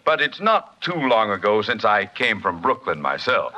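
An actor playing a courteous, hesitant society doctor in a 1940s radio comedy. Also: male voice, fairly low pitch, big pitch swings, normal speed. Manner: courteous, hesitant, then hearty. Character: polite doctor secretly from Brooklyn. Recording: old radio recording with hiss.

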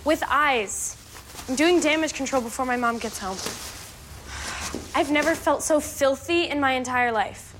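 A fastidious, easily disgusted young woman in a television drama. Her voice is high, with an indignant, clipped delivery. Clear noise sits behind her. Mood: irritated, accusing.

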